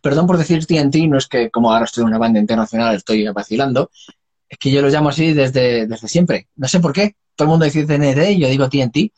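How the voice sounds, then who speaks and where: A man's voice: mid-range voice, fast talker. A man, a singer chatting casually and telling stories with laughs and frank swearing. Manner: lively storyteller, laughs and swears freely. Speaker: singer and dub voice guest. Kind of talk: casual chat.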